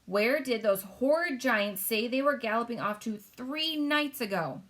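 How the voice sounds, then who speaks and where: An imperious queen from a storybook, as a woman reader puts her on. She is brisk and testy, speaking formally and giving orders as if used to being obeyed. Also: a little high, lively intonation, fairly bright tone. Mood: commanding. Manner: commanding, formal.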